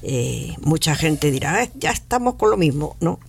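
Woman from Catalonia, radio studio panelist; gravelly, emphatic, hesitant in places. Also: sits low, sing-song, normal speed. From Catalonia, Spain. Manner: earnest, emphatic, with frequent hesitations.

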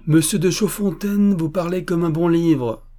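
A man's voice: fairly high pitch, fairly even intonation, unhurried, dark tone, voice pushed up, close to an everyday voice. A man voicing a jovial veteran cavalry officer with a hearty, good-humoured way of talking.

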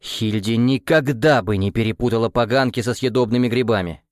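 Man doing a boastful booming cook. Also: fairly quick, no echo, clean studio sound, lightly acted. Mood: indignant. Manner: boisterous, boastful. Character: big proud male cook, loud and touchy.

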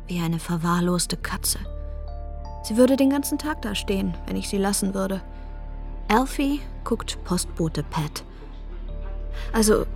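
In a radio play, an actress voices a frazzled middle-class mother, recounting her story in a wry, self-justifying monologue. Her voice sits on the low side and carries a slight mellowness.

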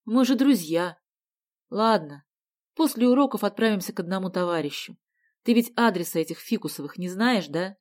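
A woman's voice: medium pitch, normal speed, close to an everyday voice. A woman doing Vasya, a mild easygoing schoolboy. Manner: calm, mild, sighing. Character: easygoing good-natured schoolboy.

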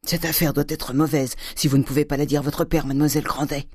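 A reader voicing a domineering, miserly old father who lurches from loud fury to hissed whispers. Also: medium pitch, fairly even intonation, fast, breathy edge, close to an everyday voice. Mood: furious. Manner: thundering, swinging from shouts to hissed whispers. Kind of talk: audiobook character reading.

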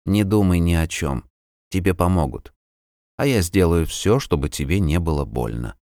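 A man playing a calm, ghostly tightrope walker who keeps dreams and speaks softly and slowly, in an audiobook. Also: deep voice, no echo, clean studio sound. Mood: soothing. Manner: soft, slow, soothing.

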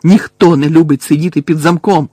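A man reading an audiobook, voicing an angry, grieving teenage boy wizard who shouts, his voice cracking. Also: on the high side, steady tone, fairly quick, husky, no echo, soft background music, pitched above the performer's own voice. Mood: furious. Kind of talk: audiobook character voice.

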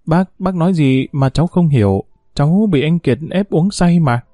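A man's voice: medium pitch, a little fast, no room sound, studio quality, faint music behind, close to an everyday voice. A man voicing a scheming, pregnant young woman who pleads and whines in an audiobook story. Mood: pleading. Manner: whiny, pleading, sharp when crossed. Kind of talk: audiobook character voice.

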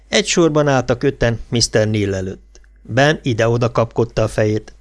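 Male audiobook narrator, mid-pitched. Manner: steady, even storytelling. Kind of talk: scripted narration.

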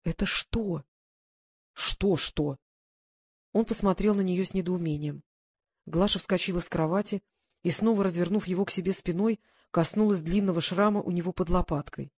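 A woman narrating a novel in a calm, even reading voice. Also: on the low side, fairly quick. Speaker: audiobook narrator. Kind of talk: scripted narration.

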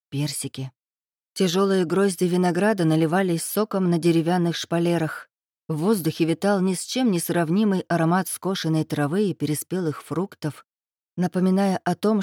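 A woman reading a novel aloud as narrator, acting out the dialogue with lively voices. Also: no echo, studio quality. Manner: lively, acts out dialogue with raised pitch. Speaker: audiobook narrator. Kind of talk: scripted narration with character voices.

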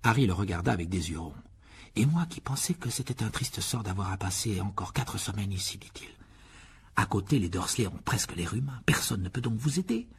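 A man reading an audiobook expressively, with a lively delivery that rises in pitch for dialogue. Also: fairly quick, vocal fry, breathy edge. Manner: lively, voices Harry with rising pitch in dialogue. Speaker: audiobook narrator.

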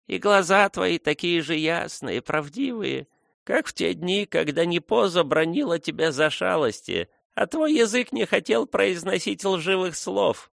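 A man voicing a toothless old native woman who once nursed the heroine. She speaks slowly and tenderly, mumbling through bare gums, in a thin, raised voice. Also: expressive, creaky, fairly bright tone, no echo, clean studio sound, exaggerated voice. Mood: tender, reminiscing. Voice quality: mumbling, lisping toothless speech. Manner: slow, high, tender. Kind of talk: audiobook character voice.

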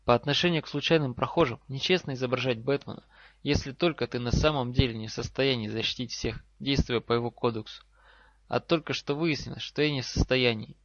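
Мужчина читает за встревоженного отца-профессора, говорит взвешенно и наставительно; запись сухая, немного глуховатая. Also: male voice, mid-range voice, fairly quick, no echo, lightly acted. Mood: urgent. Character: worried professor father, earnest and firm. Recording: slightly dull lo-fi recording.

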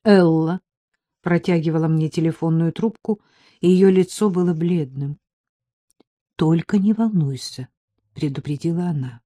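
A woman narrates a first-person audiobook in a measured, anxious inner voice. Her voice is low, warm and slightly husky. The recording is close and dry. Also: dry recording.

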